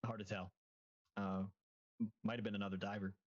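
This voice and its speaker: A man voicing a wary female deep-sea salvage diver in a tabletop game, speaking in a matter-of-fact, shrugging way. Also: little pitch movement, fairly quick, dull audio, natural voice.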